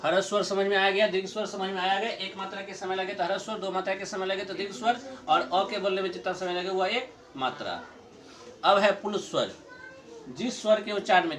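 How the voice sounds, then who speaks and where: A middle-aged man teaching a grammar lesson to a class, explaining slowly, repeating his points and chuckling often. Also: high-pitched, fairly bright tone.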